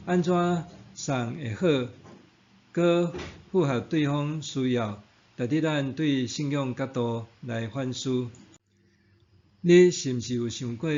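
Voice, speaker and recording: A slightly dull, lo-fi recording of a man narrating a scripted devotional. He has a Taiwanese Hokkien accent and a middle-pitched voice. His delivery is very slow, formal and measured. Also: darkish tone.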